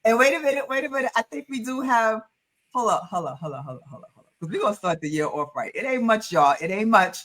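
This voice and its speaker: A woman's voice: a little high, expressive, quick pace, a bit bright. A woman from Harlem with a New York accent, co-hosting a podcast in casual, playful banter and repeating phrases for effect. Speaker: podcast co-host.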